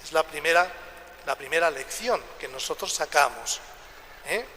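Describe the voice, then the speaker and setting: A male priest reading scripture and preaching at Mass in an echoing church, speaking in measured short phrases with pauses. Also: fairly high pitch, pushed and bright. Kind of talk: liturgical Gospel reading and homily. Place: large reverberant church, public address during Mass. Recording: echoing church with long reverb, background noise.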